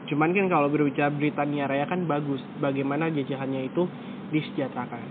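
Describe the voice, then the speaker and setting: A man's voice: fairly high pitch, fairly even intonation, fast. A man hosting a casual conversation, talking in rambling, self-correcting runs with frequent fillers. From West Java. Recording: tinny phone-like audio with clear background noise.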